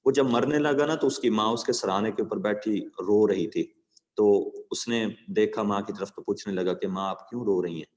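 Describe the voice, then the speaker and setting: In a large hall, a man with a lowish, darkish voice and fairly even intonation teaches a poem to his students. He checks their understanding, asks rhetorical questions, and tells moral tales, all captured in lo-fi sound.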